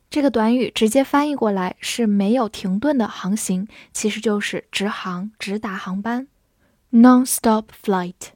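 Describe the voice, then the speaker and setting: A woman teaching English vocabulary in a scripted lesson, spelling words letter by letter and reading example sentences slowly and clearly. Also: on the high side, a little mellow, dry recording, clean studio sound. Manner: clear, patient explaining.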